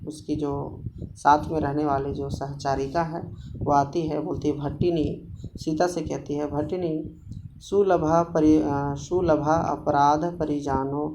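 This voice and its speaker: A man teaching a Sanskrit play, reading each line and then explaining it slowly in plain Hindi with many restarts. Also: a little high, little pitch movement, noisy background.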